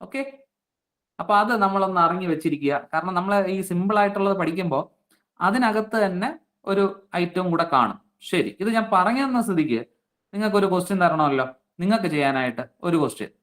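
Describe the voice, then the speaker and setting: A man's voice: high voice, animated, a bit bright. A man teaching an online exam-prep class, reading out student names and checking their answers. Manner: slow, coaxing explanations.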